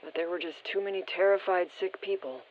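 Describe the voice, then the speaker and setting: Through a muffled, band-limited radio filter, a woman reads scripted video game lines as a female field briefer. She talks fast in a voice on the low side, staying sober, informative, and restrained.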